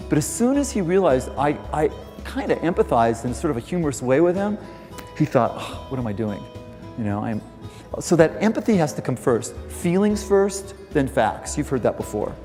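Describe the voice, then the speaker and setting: A man leads a communication seminar in front of an audience, telling stories and acting out other people's lines. His pitch moves a lot, rising and falling as he puts questions to the room. His voice carries a long hall reverb, with faint music underneath. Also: big pitch swings, normal speed, warm tone. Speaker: communication trainer. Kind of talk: live seminar talk with acted-out anecdotes.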